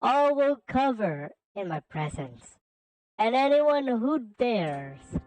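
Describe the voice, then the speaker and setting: A woman voicing a cold, menacing male villain who calls everyone a worm, making slow, grandiose threats that break into frantic stammering. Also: a little high, very animated, darkish tone, poor audio.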